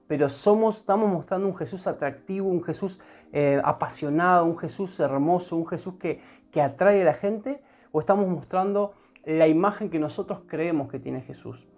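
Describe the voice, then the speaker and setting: A woman's voice: on the low side, normal speed, darkish tone. A woman with an Argentine accent giving an earnest devotional sermon, repeating her phrases and often checking in with her listeners. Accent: Argentine Spanish. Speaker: preacher.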